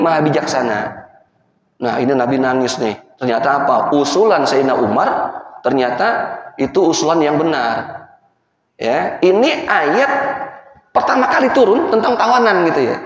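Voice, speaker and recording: A male preacher delivers a lively sermon, acting out the dialogue and turning to his listeners with questions. His voice sits a little high for a man. It rings through a large, echoing hall with a long reverb, and the recording sounds slightly dull. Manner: storytelling with acted dialogue and asides to the audience. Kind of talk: lively religious lecture. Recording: echoey hall, muffled sound.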